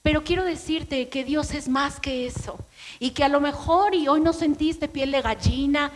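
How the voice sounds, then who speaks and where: Middle-aged Mexican woman pastor, high-pitched, conversational preaching with a personal testimony. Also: steady tone, moderate pace, slight background noise. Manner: conversational storytelling, acts out her own past voice.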